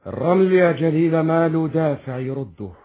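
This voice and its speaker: An actor playing a troubled, resigned warrior prince in a solemn folk epic drama. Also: male voice, a little high, expressive, fairly quick, dark tone.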